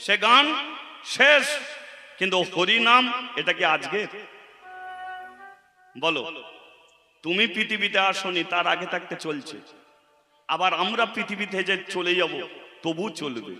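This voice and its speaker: A man with a Bengali accent preaching at a live kirtan program, asking the crowd questions in a slow, emphatic delivery. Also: high voice, animated, pushed and bright. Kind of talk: devotional sermon with call-and-response chanting. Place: stage at a live devotional program. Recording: echoey live stage sound with music.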